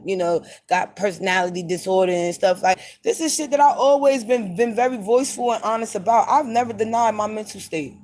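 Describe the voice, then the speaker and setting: A woman's voice: mid-range voice, darkish tone. A woman hosting a late-night podcast in a blunt, emphatic monologue, repeating her points for stress. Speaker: podcast host.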